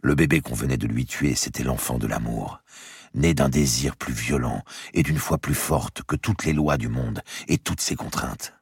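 A man narrating a historical novel as an audiobook in a measured, expressive storytelling manner. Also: rumbling low, gravelly, breathy edge, dry recording, clean studio sound.

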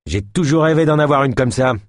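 A man's voice: on the high side, animated, moderate pace, no room sound, clean studio sound, pitched above the performer's own voice. A man voicing a burly young street gang member who taunts and bargains with swagger. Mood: cocky.

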